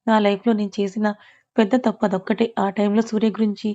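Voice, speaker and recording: A woman's voice: mid-range voice, flat delivery, quick pace, dark tone, no room sound, highs cut off, close to an everyday voice. A woman voicing a tearful young woman torn between her sister and her love, pleading and choked.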